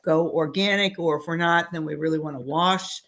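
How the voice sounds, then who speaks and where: A woman with a fairly low voice co-hosts a relaxed nutrition podcast. She talks in a chatty, meandering way, trails off into fillers and laughs easily. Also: fairly quick. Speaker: podcast co-host. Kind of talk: casual nutrition chat.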